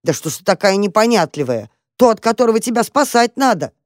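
A plucky young male mouse takes charge with quick, eager talk, as a storyteller voices him. He gets impatient and bossy with slower friends in this children's storybook. The sound is dry and close. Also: mid-range voice, very animated, no echo, pitched above the performer's own voice, lightly acted.

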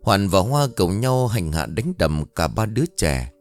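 A man narrating a dark story in a dramatic, lively storytelling manner. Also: low voice, normal speed, faint music behind.

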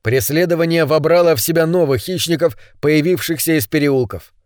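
A male narrator with a slightly raised voice reads a grim story in measured, tense tones. The recording is close and dry, with no room sound. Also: a little high, darkish tone, clear, resonant tone, no echo. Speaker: audiobook narrator.

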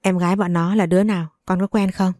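A woman doing an older mother-in-law, slow and soothing, low mellow voice, dry close sound, storybook reading. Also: steady tone, no room sound, lightly acted. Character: older mother-in-law, doting yet harsh.

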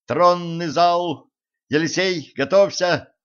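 Male narrator putting on a feisty young heroine for an audiobook story, pitched up high, shrill, bossy, dull lo-fi sound. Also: normal speed. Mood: bossy shouting. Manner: shrill, shouting.

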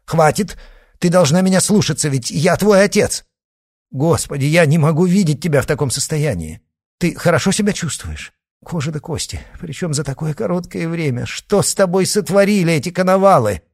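A man's voice: mid-range voice, lively intonation, normal speed, husky. A man voicing an anxious, hot-tempered middle-aged father who pleads and turns agitated. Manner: agitated, pleading, bursts into shouting.

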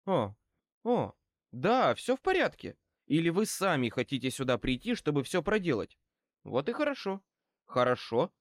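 A man's voice: a little high, sing-song, moderate pace, no room sound, studio quality. A man reading an audiobook and voicing a brassy, defiant female crook who snaps back with sneering retorts. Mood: flustered, defensive. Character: middle-aged female small-time crook, brassy and defiant.

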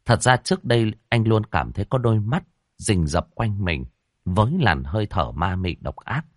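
Casting: very deep male storyteller, lively and dramatic delivery, dry close mic. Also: normal speed, no room sound. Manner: expressive, dramatic, voices characters. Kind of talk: horror audiobook narration.

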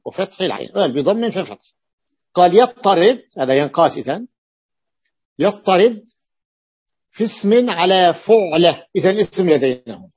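A man's voice: sits high, slightly rough, highs cut off. A man teaching Arabic morphology to a class, explaining a classical text, repeating each example and checking that students follow.

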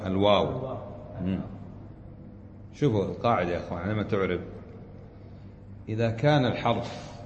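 Low-voiced grammar teacher. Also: male voice, a little hiss or hum. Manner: patient, quizzing students and repeating the rules. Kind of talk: classroom grammar lesson.

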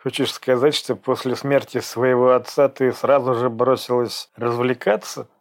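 A man's voice: mid-range voice, moderate pace, close to an everyday voice. A man voicing an arrogant, domineering man in an audiobook, cold and commanding. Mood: harsh commanding.

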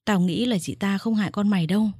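A woman's voice: medium pitch, fast, slightly rough, no room sound, studio quality, close to an everyday voice. Woman voicing a level-headed, loyal female friend. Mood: calming. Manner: reasoning, calming.

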